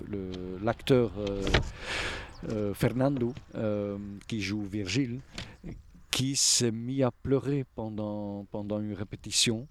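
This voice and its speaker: In reflective answers as a theatre observer, this man, whose first language is Flemish, talks super slowly, keeps restarting and hunts for words. His voice is low-ish, with fairly even intonation.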